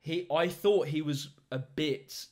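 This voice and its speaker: Brief: young British male host, chatty storyteller, slightly high-pitched, laughs a lot. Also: takes it slowly. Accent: British English. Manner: animated storyteller, laughs often, does mock voices. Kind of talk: casual chat.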